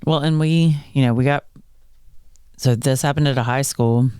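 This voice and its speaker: Podcast co-host, woman, 40s; lively storyteller who laughs a lot, smooth resonant voice with a gravelly edge, dry sound. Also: extremely low pitch, moderate pace, no room sound. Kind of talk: casual podcast chat.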